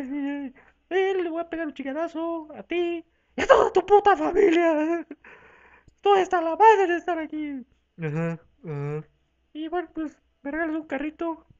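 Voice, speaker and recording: A comic dubber with a Mexican accent voices a whole talk show alone, swapping between voices and packing every line with crude slang. The voice sits high, and the lo-fi home recording sounds dull and muffled. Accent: Mexican Spanish. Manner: rowdy, profane slang, switches between voices. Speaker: fan dubber voicing every part.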